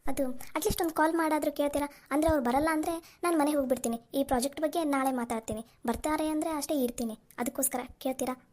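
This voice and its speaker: Cartoon young office woman, high-pitched, anxious and pleading, woman voicing. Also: quick pace, darkish tone, natural voice. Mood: worried. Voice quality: pleading, fretful. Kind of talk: cartoon voice acting.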